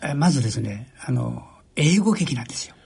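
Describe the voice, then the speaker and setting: An older man from Japan, a journalist guest on a radio interview, telling stories in a relaxed way with wry self-deprecation. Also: mid-range voice, fairly quick, creaky, a little hiss or hum. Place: radio studio.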